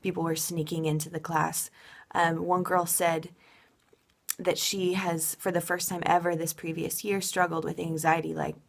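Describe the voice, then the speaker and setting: Earnest woman with a gravelly low voice. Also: flat delivery, normal speed. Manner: earnest, heartfelt, frequent ums. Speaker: dance teacher giving an update. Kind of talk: casual personal update.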